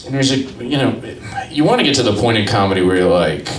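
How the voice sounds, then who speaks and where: A man's voice: on the low side, lively intonation, quick pace, slight background noise. A man in his thirties doing rambling, self-deprecating stand-up at an open mic in a small gallery cafe, speaking into a stand mic. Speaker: stand-up comedian. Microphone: handheld mic on stand, far camera. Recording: roomy, from far off.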